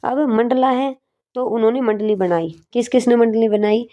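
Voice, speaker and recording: A woman's voice: fairly high pitch, moderate pace, dull audio. A woman teacher giving an exam-prep lesson with memory tricks, asking questions and answering them herself.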